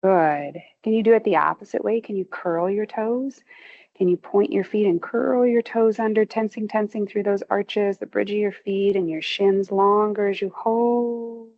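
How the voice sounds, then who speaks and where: This woman's voice is mid-range and steady, with a gravelly fry, as she leads a guided muscle relaxation. A movement instructor, she gives slow, calming cues and lifts her voice for emphasis each time she calls for tension. The sound is somewhat muffled.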